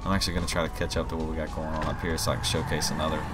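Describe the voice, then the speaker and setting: With a rumbling low voice that barely changes pitch, a man talks rapid-fire through a relaxed, rambling tour of his own game mod. Heavy background noise mixes with game music, vehicle sounds and police sirens behind his informal explanations.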